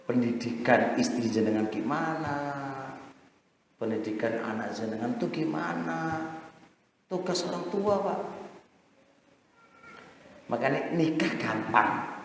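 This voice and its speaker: A man's voice: mid-range voice, takes it slowly, gravelly, long pauses, a little hiss or hum. Echoey male preacher. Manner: lively preaching, sung Quran verses, addresses audience as Pak. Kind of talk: sermon. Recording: very echoey hall.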